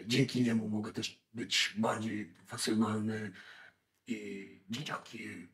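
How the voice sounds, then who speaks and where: A man speaking through a voice modulator that makes his voice disguised and deep, voicing a gruff masked male superhero. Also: little pitch movement, takes it slowly. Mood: matter-of-fact. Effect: voice modulator deepening the voice. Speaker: costumed charity volunteer.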